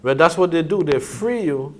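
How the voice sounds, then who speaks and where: A man reasoning conversationally in Rasta discussion style, pausing for words and often checking that he is followed. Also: fairly high pitch, lively intonation, a little hiss or hum. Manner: hesitant phrasing, often checks with "you see".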